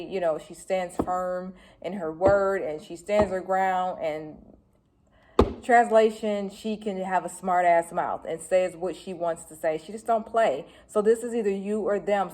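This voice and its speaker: A woman doing a casual tarot reading, talking fast, chatty and blunt with slang. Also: fairly low pitch, fairly even intonation, a little mellow. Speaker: tarot reader.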